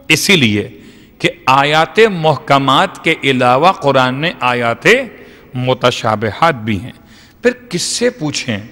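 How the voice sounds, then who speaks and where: Bright-voiced cleric in an echoing hall. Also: male voice, a little high. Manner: explanatory, rhetorical questions, Arabic recitation. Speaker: Shia cleric giving a majlis lecture. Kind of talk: religious lecture to a congregation. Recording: long hall reverb.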